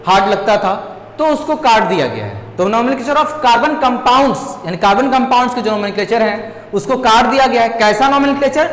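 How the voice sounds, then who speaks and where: A man's voice: very high-pitched, fairly bright tone. A man, a teacher walking students through a syllabus lesson and often checking in with them. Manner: addresses students as children, repeats checks like "okay children". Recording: echoey room.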